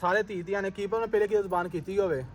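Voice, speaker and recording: A young man with a Pakistani Punjabi accent calmly persuading a friend and repeating his point in a staged vlog conversation outdoors. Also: sits high, fast, a crowd in the background. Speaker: friend giving advice.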